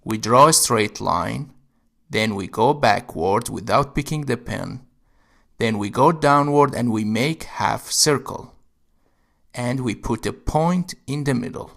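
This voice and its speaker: A man's voice: medium pitch, lively intonation, takes it slowly, creaky, fairly bright tone. A man teaching Arabic letters, explaining how to write each one step by step. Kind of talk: instructional narration.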